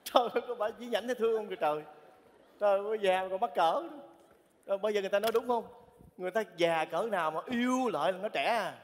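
A man's voice: sits high, racing, long reverb tail. A man with a Southern Vietnamese accent teasing and exclaiming constantly in a stage comedy sketch. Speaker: comic sketch partner.

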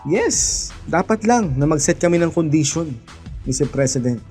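Guy ranting on his political vlog, mocking and laughing, kinda high voice, music going in the back. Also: expressive, normal speed. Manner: mocking, heated, laughs scornfully, swears often; speaks directly to the president and to viewers as "mga idol". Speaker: political vlogger. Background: background music.

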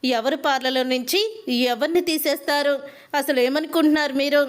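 A woman's voice: high voice, steady tone, fairly quick, close to an everyday voice. A woman reading as a firm parlour owner. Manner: firm, matter-of-fact.

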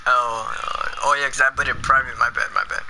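A man's voice: medium pitch, flat delivery, a little fast, vocal fry, a crowd in the background, low-quality recording. A young man from El Salvador livestreaming a game, chatting casually and laughing often at the other player. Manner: laughs often, amused and teasing. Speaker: streamer. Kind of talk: casual gaming livestream chat.

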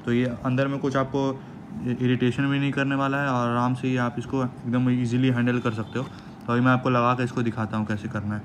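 Over steady background noise, a young motovlogger with a mid-range voice briskly walks viewers through his gear setup step by step. He's chatty, repeats words, and calls his audience "guys" again and again.

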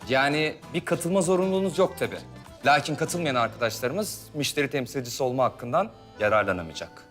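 An actor playing a formal corporate trainer who answers questions in a dry, businesslike manner. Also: male voice, mid-range voice, expressive, fast talker, fairly bright tone, soft background music, natural voice. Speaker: seminar trainer. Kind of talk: film dialogue.

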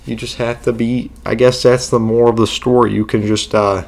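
A man's voice: medium pitch, flat delivery, a little fast, a little mellow. A man hosting a reaction video, talking casually and rambling with many fillers.

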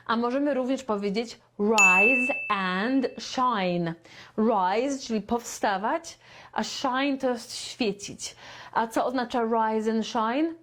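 A young woman teaching beginner English, repeating phrases slowly and clearly for learners. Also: fairly high pitch, a bit bright. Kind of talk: slow beginner language lesson.

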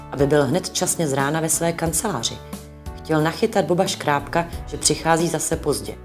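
A woman reads a storybook aloud with calm, even narration. Her voice is low for a woman. Soft music plays faintly underneath.

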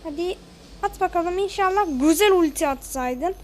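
Woman gamer doing casual play-by-play; very high, excitable voice, quick to scold teammates. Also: slight background noise. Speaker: gamer streaming their own play. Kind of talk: casual gameplay commentary.

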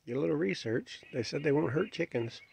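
A slightly high, creaky male voice moves a little fast as a homestead vlogger films his farmyard by a shed on his phone. He chats in a relaxed, folksy manner and addresses the animals, with dull lo-fi outdoor audio carrying a little hiss or hum.

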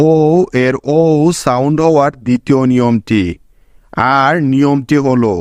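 Slow, deliberate male English teacher. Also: mid-range voice, clear, resonant tone, dry recording, clean studio sound. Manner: deliberate, reads out example words one by one. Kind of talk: scripted lesson narration.

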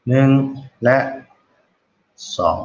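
A man teaching an English lesson online, explaining slowly, repeating words and quizzing students, and reading model phrases aloud in a drawn-out way. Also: dull audio.

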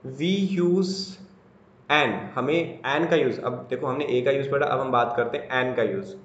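A man's voice: mid-range voice, normal speed, a bit bright, reverberant, lo-fi sound. A man from India with a Haryanvi Hindi accent gives a classroom grammar lecture, asking questions and answering them himself. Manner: asks and answers his own questions, repetitive. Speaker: teacher.

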